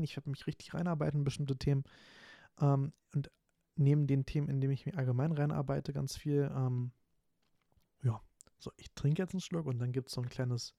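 The host, a twentysomething man from Berlin, Germany, carries his solo podcast in a casual ramble, often restarting and leaning on fillers. His gravelly, warm voice sits at medium pitch, recorded at studio quality with no echo.

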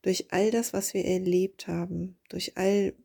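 A woman hosting a reflective spiritual podcast, speaking slowly and softly and dropping into whispers on her key questions. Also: medium pitch, fairly even intonation. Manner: slow, soft and breathy, drifting into whispers on key questions. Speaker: podcast host and coach.

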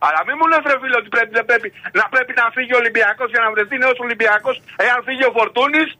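High-pitched forceful Greek man arguing. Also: dry recording, poor audio. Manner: argumentative, emphatic, keeps interrupting. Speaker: radio show host. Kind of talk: heated sports radio debate.

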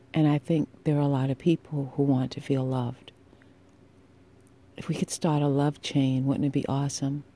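A woman hosts a solo podcast in a deep, sultry, husky voice with a mellow quality. She speaks intimately and deliberately, using emphatic pauses, and sounds affectionate and encouraging toward her listeners.

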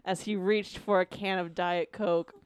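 A woman's voice: on the low side, fairly even intonation, a little slow, clean tone. A woman hosting a comedy podcast, chatting casually and reading stories aloud with dramatic, giggly delivery. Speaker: podcast host.

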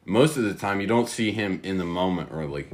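A young man co-hosting a faith podcast, halting and playful, acting out little scenes as he talks. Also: low voice, expressive. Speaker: podcast co-host. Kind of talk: casual faith chat.

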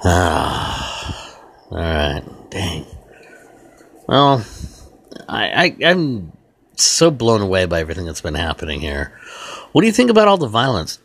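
A man's voice: low-pitched, wildly swooping pitch, measured pace, vocal fry, long pauses, a bit bright, slight background noise. A man hosting a casual talk show, talking in a rambling way with many false starts. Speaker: host. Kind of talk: casual chat.

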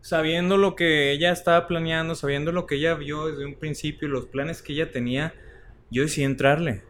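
Man, Mexican accent, podcast host, earnest, slangy, raised pitch, faint background noise. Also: steady tone, fairly quick, fairly bright tone. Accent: Mexican Spanish. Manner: earnest, advice-giving, slangy. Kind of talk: casual podcast chat.

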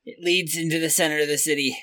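Game master as shifty bug smuggler in a tabletop game, evasive, bright voice, real dry sound. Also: mid-range voice, fairly even intonation, quick pace, no echo, close to an everyday voice. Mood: coaxing, evasive. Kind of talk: tabletop game role-play.

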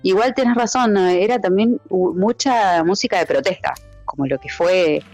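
A woman's voice: medium pitch, moderate pace, darkish tone, soft background music. A woman with an Argentine accent, a co-host in a casual chat who tells stories in a rambling way. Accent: Argentine Spanish.

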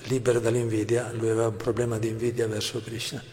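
A man giving a devotional lecture, explaining patiently, often asking "no?" and clearing his throat. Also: on the low side, completely flat delivery, fast talker, a little mellow. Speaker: religious teacher. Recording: long hall reverb.

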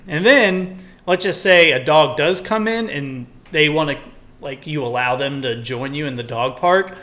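Young male co-host, bright and a bit high voice, casual and profane, rambling rants. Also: measured pace. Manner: rambling, profane, animated when ranting. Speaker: podcast co-host. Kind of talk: casual chat.

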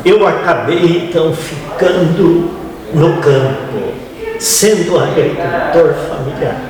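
A slow-speaking man from Rio Grande do Sul, with that southern Brazilian accent, reminisces in a halting, reflective way. His slightly high voice rings in a big echoey hall. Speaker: interview guest, family farmer. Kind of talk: reflective storytelling in an interview. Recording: very echoey hall, distant mic, crowd murmur.

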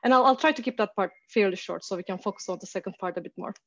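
A woman's voice: medium pitch, racing, no room sound. Hesitant woman from Turkey, lo-fi call. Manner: hesitant, many fillers and restarts. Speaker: guest speaker. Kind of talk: casual online talk.

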